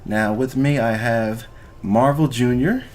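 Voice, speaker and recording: A man's voice: mid-range voice, slow, a little mellow. A man hosting a casual podcast, informal and loose with language, speaking straight to his listeners. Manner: informal, profane, addresses listeners directly. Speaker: podcast host.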